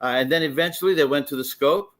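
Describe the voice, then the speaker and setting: Quick-paced and fairly high in pitch, with a fairly bright tone, an older Greek wrestling commissioner talks eagerly as a guest on a sports talk show. The casual radio interview finds him restarting his stories again and again.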